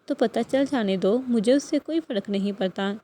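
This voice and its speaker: A woman's voice: fairly high pitch, mellow, a little hiss or hum, close to an everyday voice. A woman reading the lines of a domineering young husband in an audiobook novel, with a commanding, threatening tone. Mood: stern.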